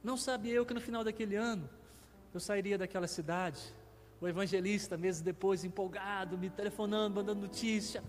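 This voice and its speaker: A man's voice: high-pitched, steady tone, fairly quick, in a large hall, faint music behind. A male pastor with a Brazilian Portuguese accent, telling a testimony in a sermon, with emotional swells. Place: church.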